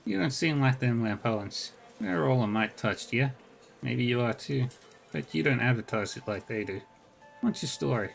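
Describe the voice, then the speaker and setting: A man's voice: medium pitch, expressive, normal speed, vocal fry. A wry, hard-bitten woman ranger speaks in a lilting Dublin accent, as a man puts her on. She talks in a folksy, blunt way with a dry edge. Faint game music plays under her. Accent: Irish, Dublin.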